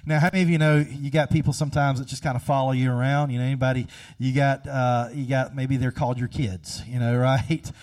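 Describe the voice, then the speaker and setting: A man in his thirties preaching a sermon, conversational and humorous, acting out little scenes and slowing down to stress key phrases. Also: medium pitch, little pitch movement, darkish tone. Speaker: pastor.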